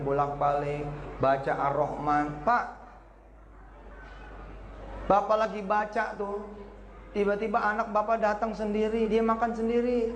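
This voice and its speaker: A man preaching to a live evening congregation, telling lively jokey stories and acting out every character's lines. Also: high voice, a little hiss or hum. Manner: lively storytelling, acts out dialogue in voices, joking. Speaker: Islamic preacher. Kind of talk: humorous sermon to a live congregation. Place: evening gathering before an audience. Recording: echoey hall with loud background ambience.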